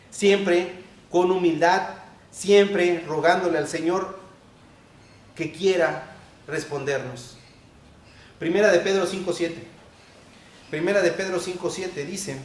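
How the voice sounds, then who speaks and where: A male pastor preaching a sermon, repeating key phrases and swinging between loud emphasis and quiet asides. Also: fairly high pitch. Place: church hall. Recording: echoey church hall, distant mic.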